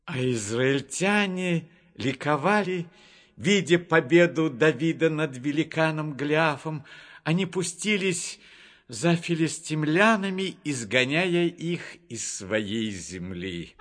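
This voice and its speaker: A man narrating a Bible story for a storybook reading in a measured, expressive way. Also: a little high. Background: faint music.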